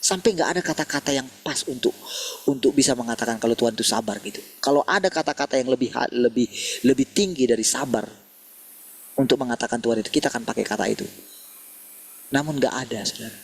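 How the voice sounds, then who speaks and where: A man's voice: mid-range voice, fast talker, gravelly, breathy edge. A man preaching a sermon, calling his listeners "saudara" and asking many rhetorical questions.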